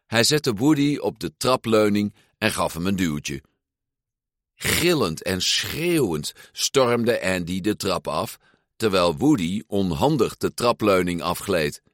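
A man narrating a children's storybook aloud in an expressive, lively way. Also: sits low, takes it slowly, no echo, clean studio sound. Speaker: audiobook reader.

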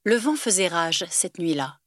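Expressive woman reading a novel aloud. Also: fairly low pitch, unhurried, very noisy. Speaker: reader. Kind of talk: audiobook narration.

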